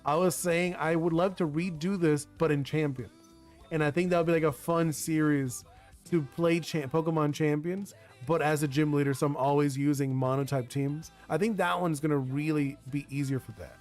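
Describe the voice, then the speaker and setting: With faint music behind him, a young man speaks in a steady, slightly mellow voice pitched on the high side, at a moderate pace. Spanish is his first language, and he chats loosely on a live stream about the card game he's designing, rambling and restarting with lots of "like."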